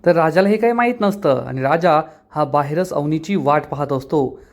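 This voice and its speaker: Man, episode recap narrator, steady storytelling, slightly high pitch. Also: moderate pace. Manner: steady retelling with quoted dialogue.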